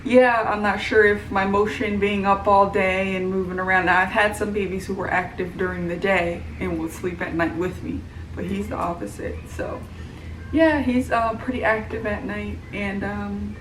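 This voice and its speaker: A woman's voice: medium pitch, steady tone, moderate pace. Pregnant woman in her thirties, tired and rambling in a casual vlog, recorded at a distance in a roomy home with background noise. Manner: rambling, many fillers and restarts. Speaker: vlogger. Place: at home, room with echo. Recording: roomy, from the mic, noisy home.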